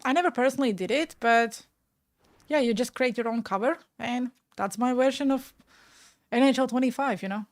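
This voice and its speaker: A Latvian woman in her twenties chats casually and frankly with live-stream viewers, her Latvian accent clear and her fairly high voice moving at normal speed. She often trails off mid-word, and there's no room sound.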